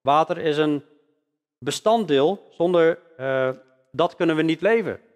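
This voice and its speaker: A man's voice: on the high side, expressive, unhurried. A man preaching a sermon in earnest, emphatic style, leaning hard on key words. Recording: long hall reverb.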